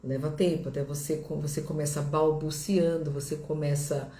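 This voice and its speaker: A woman's voice: deep voice, little pitch movement, moderate pace, warm tone, reverberant. A woman explaining a lesson in a conversational way, often checking in with the listener with little tag words. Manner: conversational, repeats points with fillers like "né" and "tá". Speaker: English teacher.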